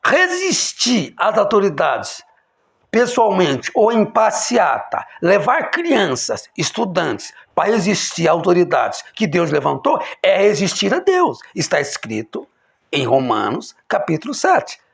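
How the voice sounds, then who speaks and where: A man preaching an impassioned sermon, emphatic, swinging between loud exclamations and low, quiet lines. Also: huge pitch swings, a little slow, creaky.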